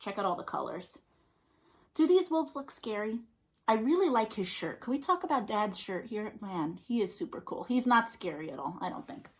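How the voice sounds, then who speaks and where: A children's librarian hosts storytime for little ones, her voice on the high side with a sharp edge. She reads aloud and chats in an encouraging, sing-song manner, tossing out questions and praise.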